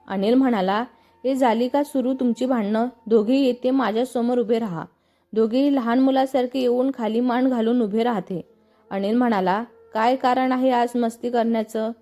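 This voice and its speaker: A woman with a fairly high pitch reads a family story aloud, using one even storytelling voice for both the narration and every character's lines.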